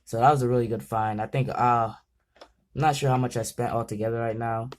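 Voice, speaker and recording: Young male vlogger, jittery and chatty, trips over words while setting up a PC; mid pitch. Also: steady tone, fairly quick, a little hiss or hum. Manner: nervous, rambling, stumbles over words. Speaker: gaming channel host. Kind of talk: casual vlog commentary.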